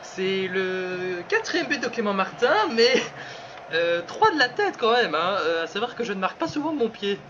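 A high, lively voice with big swings in pitch as a man calls his own football video game match, getting carried away with shouts and laughter, then talking himself back into focus. The sound is muffled and lo-fi, with a steady hiss of background noise underneath. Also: normal speed. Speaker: gaming channel host.

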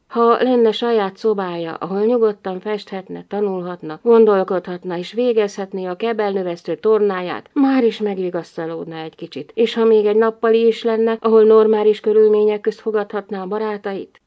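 A woman narrating a humorous novel in the first person, with a wry, lively delivery. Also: medium pitch, dull audio. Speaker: audiobook narrator.

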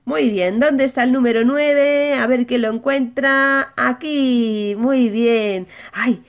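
A woman whose accent is from Spain hosts a toy channel for kids, leading a basic lesson as if to small children and asking questions she answers herself. She speaks slowly, on the high side, with fairly even intonation, and the audio is dull.

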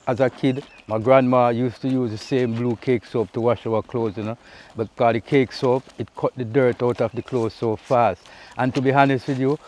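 Outdoors by a river, an easygoing middle-aged man with a Jamaican accent casually explains how to do a task for his how-to vlog, frequently saying "you know." His voice is mid-range and darkish, with slight background noise.

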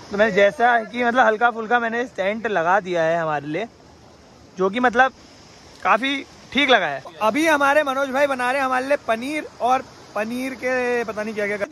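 A man in his twenties with a very high, slightly bright voice vlogs casually to a phone held at arm's length, chatting straight to the camera. He starts outdoors by a river and later moves to a car, and the phone audio is noisy outdoors.

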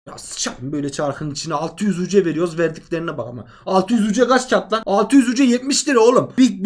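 A man giving casual commentary on a mobile game, talking straight to viewers, excitable and cursing freely at bad luck. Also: high-pitched.

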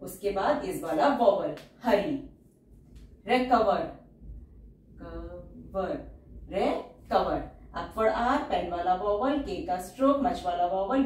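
Woman, shorthand teacher, slow careful explanation, repeats words, very echoey room. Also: mid-range voice, a little mellow, recorded from a distance, a little hiss or hum. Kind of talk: step-by-step explanation of shorthand outlines.

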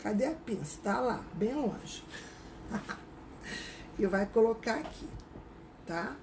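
A woman's voice: fairly high pitch, lively intonation, takes it slowly, background noise. A woman with a Rio de Janeiro accent, teaching a live craft class in a chatty, casual way and greeting viewers by name. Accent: Rio de Janeiro Portuguese.

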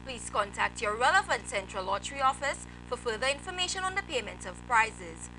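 A young woman with a high, very lively delivery hosts a lottery draw. She reads scripted announcements and numbers formally, as on television, over audible background noise. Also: brisk. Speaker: lottery draw host, presenter. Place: TV studio.

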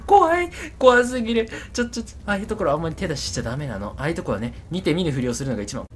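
A man's voice: fairly high pitch, very animated, racing, heavy background noise. A man giving casual, chattery game commentary, repeating his words and poking fun at himself. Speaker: horror game streamer.

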